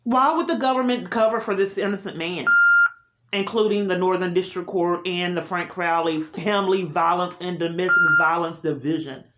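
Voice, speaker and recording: Her fairly low voice keeps a moderate pace as this vlogger, sounding aggrieved and insistent, unloads her grievances without a script. The recording has a roomy sound and is muffled, with heavy noise and clicks.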